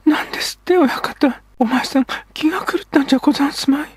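A man voicing a proud and devoted Edo-era wife who speaks in sharp, formal old-Edo woman's speech. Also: extremely high pitch, quick pace, dry recording, pitched above the performer's own voice. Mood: shocked.

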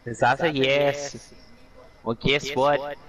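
A mischievous Irish bloke with a broad put-on brogue, hamming up every line, as a gamer puts him on. He speaks slowly, drawing out his words. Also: medium pitch, level tone, lo-fi sound, crowd noise, lightly acted. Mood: mocking, hammy. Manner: playful, hammy comic delivery. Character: mischievous Irish man who turned his mum into a bear.

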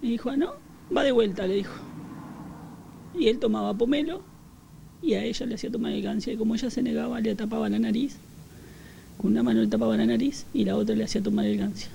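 A woman with an Argentine Rioplatense accent, recounting a family tragedy in an interview, with halting speech and many fillers. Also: a little high, creaky, mellow, a little hiss or hum, rough recording. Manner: halting, filler-heavy retelling. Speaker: victim's relative giving testimony.

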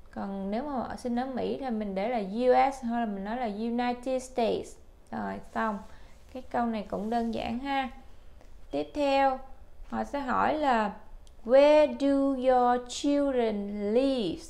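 Woman teacher, Vietnamese native, slow deliberate drills, gravelly and fairly high. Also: a little mellow. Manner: slow, careful spelled-out English drills. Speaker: English teacher. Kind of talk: language lesson for older learners.

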